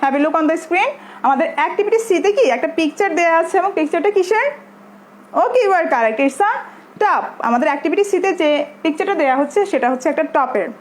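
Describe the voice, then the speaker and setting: A Bangladeshi woman teaching English to young pupils in an online class, speaking in a drawn-out way and switching between English and Bengali. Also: very high-pitched, animated, a little hiss or hum. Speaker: primary school English teacher.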